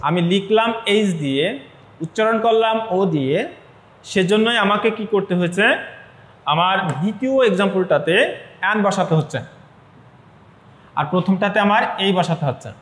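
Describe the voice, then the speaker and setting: A man's voice: high voice, fairly bright tone, echoey room. A man with a Bangladeshi accent, an English teacher giving an online class lecture, explaining step by step and repeating points for students.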